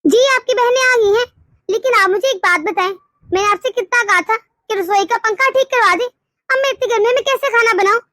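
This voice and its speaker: A woman voicing a complaining, sharp-tongued young wife in a cartoon story. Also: very high voice, normal speed, no room sound, studio quality. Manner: whiny, indignant.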